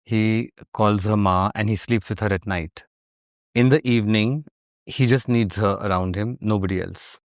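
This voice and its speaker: A man speaks as an interview guest in a polished, upper-class Indian accent. His voice sits low and is clean and resonant. He answers conversationally and reflectively, with very little room around the sound. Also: normal speed, dry recording, clean studio sound. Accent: educated upper-class Indian.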